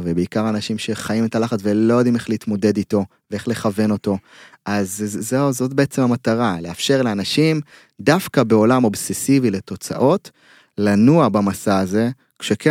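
A middle-aged man with an Israeli accent, a mental coach giving earnest, emphatic motivational talk in an interview, pausing mid-phrase. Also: fairly low pitch, darkish tone, no room sound, clean studio sound. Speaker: mental coach, podcast guest.

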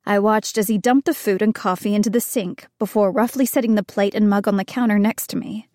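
A woman reads a first-person audiobook softly and steadily, with feeling held close under the words. Her voice is warm and mellow at a middle pitch. The studio sound is dry and close. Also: fairly even intonation, dry recording. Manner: soft, measured and emotional. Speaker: audiobook narrator.

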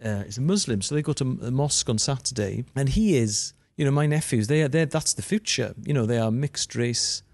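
An animated Welshman who grew up speaking Welsh answers interview questions as a comedian guest, talking briskly at medium pitch with hardly any pauses. His voice is a little mellow, the recording dry, and his chat is full of restarts and asides.

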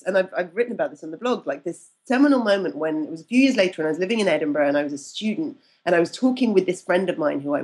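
A woman's voice: on the low side, darkish tone. A woman speaking as a podcast guest and coach, chatting casually, laughing easily and acting out remembered quotes with changed voices. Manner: laughs easily, self-deprecating. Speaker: guest, networking mentor and storytelling coach.

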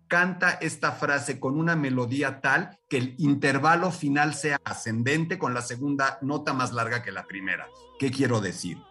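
A Mexican man teaching music as a radio guest, lecturing with lively rhetorical questions and sung examples. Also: mid-range voice, distant mic. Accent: Mexican Spanish. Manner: animated, lecturing, sings short examples. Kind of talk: radio interview lesson.

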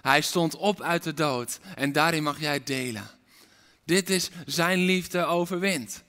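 A man's voice: fairly high pitch, takes it slowly, sharp tone. A man preaching a sermon as a pastor, with an impassioned, repetitive preaching cadence. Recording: long reverb of a large hall.

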